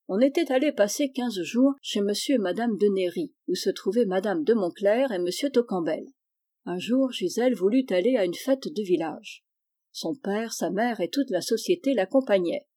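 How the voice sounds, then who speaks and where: A woman narrating a classic children's novel in a steady, even storytelling manner. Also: medium pitch.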